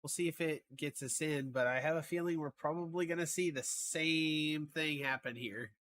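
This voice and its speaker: A man's voice: fairly high pitch, moderate pace, a bit bright. A man casting an esports match in a casual, chatty way, often thinking aloud and trailing off. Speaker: esports caster.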